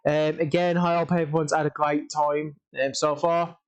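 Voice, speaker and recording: Tired guy rambling on his stream, lots of ums and restarts, voice a bit high. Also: level tone, normal speed, clear, resonant tone. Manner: rambling, repeats stock phrases, many ums and restarts. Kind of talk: casual livestream chat.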